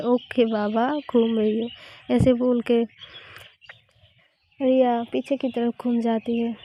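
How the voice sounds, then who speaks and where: A woman's voice: fairly high pitch, warm tone, lo-fi sound. A woman narrating a romance story in a plain storytelling manner, sometimes stumbling over which character is speaking.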